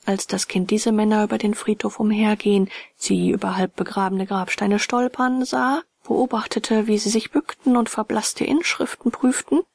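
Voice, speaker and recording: Woman narrator, whispered story reading, hushed, breathy, dry close sound. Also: medium pitch, no room sound. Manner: soft, hushed and breathy delivery.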